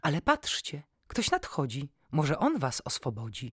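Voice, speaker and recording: A woman's voice: sits low, huge pitch swings, a little slow, slightly rough, dry recording, clean studio sound, exaggerated voice. Woman reading as a worried little bee. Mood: pleading. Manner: pleading, rhyming lines. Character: small worried female bee, tearful.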